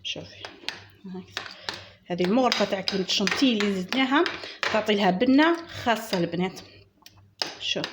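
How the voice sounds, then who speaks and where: Speaking fast and animatedly but pausing often, this medium-pitched woman with an Algerian Arabic accent runs a casual baking tutorial from home. She chats, instructs, and addresses viewers as "girls," like friends. Background noise is present and music plays clearly behind her.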